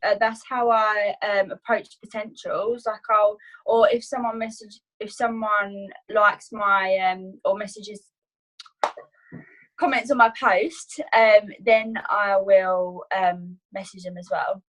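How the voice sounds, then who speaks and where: A woman's voice: medium pitch, fairly even intonation, slow, fairly bright tone, low-quality recording. Chatty woman giving coaching tips. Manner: chatty, many fillers and restarts. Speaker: guest trainer. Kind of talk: casual online training talk.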